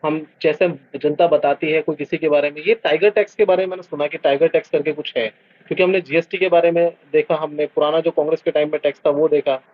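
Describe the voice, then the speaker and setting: A man from Delhi working as a reporter, asking quick, pressing interview questions. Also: a little high, steady tone, no room sound, narrow, tinny audio. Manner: quick, pressing questioner with many hmm acknowledgements.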